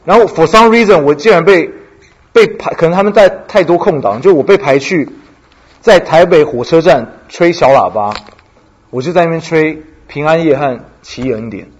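A man giving an animated church testimony, telling stories and slipping English phrases into his talk. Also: a little high, moderate pace, husky, highs cut off. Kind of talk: sermon testimony.

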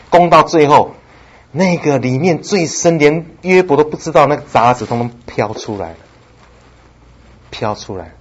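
Male pastor, sermon delivery, very expressive rise and fall, laughs a lot. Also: medium pitch, slightly rough. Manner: lively storytelling, acts out dialogue, laughs often. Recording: slightly dull with faint background noise.

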